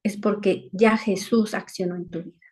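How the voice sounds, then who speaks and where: A woman gives an earnest Bible lesson over a video call. She repeats phrases to drive each point home. Her voice sits at an ordinary middle pitch. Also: fairly even intonation, moderate pace, a little mellow. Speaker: Bible teacher. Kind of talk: weekly online Bible lesson.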